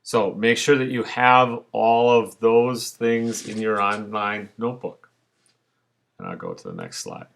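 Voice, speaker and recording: A man's voice: lowish voice, expressive, measured pace, vocal fry, fairly bright tone. A male science teacher giving a recorded online lesson over slides, explaining patiently with frequent fillers.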